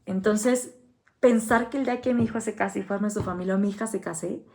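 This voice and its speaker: A woman's voice: mid-range voice, fairly quick, creaky, a little mellow. Woman, Mexican Spanish accent, middle-aged, thanatologist, podcast monologue, earnest, anecdotal, acts out dialogue.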